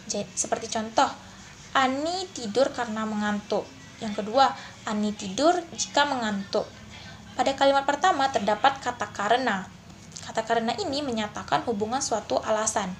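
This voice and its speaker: A young woman, a university student, giving a class presentation and explaining example sentences, pausing often with fillers. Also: a little high.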